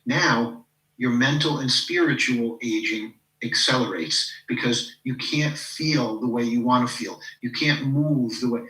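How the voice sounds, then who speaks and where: A medium-pitched, sharp-toned man in his fifties speaks a little slowly. He is a coach and podcast guest sharing personal stories in a casual, reflective interview, often saying "you know" and acting out those he quotes, on a reverberant, distant, rough recording.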